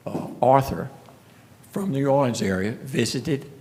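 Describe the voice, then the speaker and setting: Gravelly man telling stories. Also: mid-range voice, expressive, measured pace, a little mellow. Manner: folksy storytelling, frequent restarts. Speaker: speaker at a city commission meeting. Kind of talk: casual presentation.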